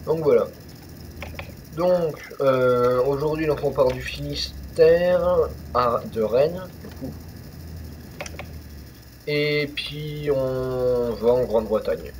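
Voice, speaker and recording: A man's voice: medium pitch, slow pace, long pauses, darkish tone, slight background noise, rough recording. A young man casually commenting on a truck driving game, rambling with many fillers and restarts. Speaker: gaming youtuber. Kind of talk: casual let's-play commentary.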